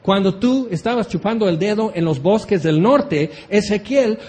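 A man acts out God teasing a clueless enemy, amused and condescending. The voice sits high and bright with glee. Its tone stays soft and mellow even while it scolds. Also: moderate pace.

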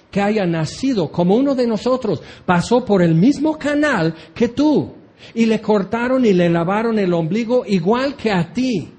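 A man's voice: sits high, mellow. A man preaching a sermon, challenging his listeners with ironic rhetorical questions.

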